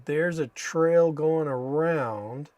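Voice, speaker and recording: An American man hosting a casual live stream, thinking aloud haltingly and saying Spanish names with an American accent. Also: on the high side, a little mellow, no room sound. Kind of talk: casual live stream commentary while reading maps.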